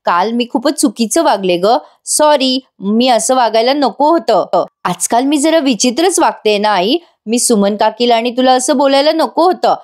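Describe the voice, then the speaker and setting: A scheming young daughter putting on a sugary, apologetic sweetness, as a woman retells it. The voice stays fairly high and coaxing, told like a storybook. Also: expressive, normal speed, hardly any pauses, a little mellow, close to an everyday voice.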